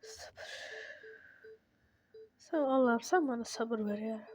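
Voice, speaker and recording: A woman giving casual gameplay commentary as a channel host, excitable and talking back to the game when things go wrong. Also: high-pitched, slow pace. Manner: excitable, talks to the game, grumbles and yelps at mistakes.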